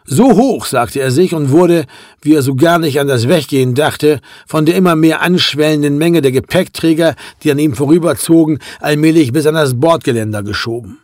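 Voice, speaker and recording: Man, audiobook narrator, measured literary reading, fairly high voice, dry close recording. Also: a little mellow, no echo.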